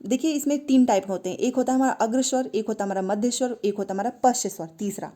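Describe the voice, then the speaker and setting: A woman's voice: a little high, fast talker, dark tone. A woman teaching an online exam-prep grammar lesson, explaining step by step, asking and answering her own questions and having students repeat sounds aloud.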